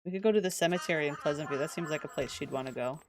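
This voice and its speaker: Over a noisy crowd, a deep-voiced woman rattles along very fast while live-streaming a life-sim game. She keeps up chatty commentary for viewers, talks directly to the characters, and giggles in little asides.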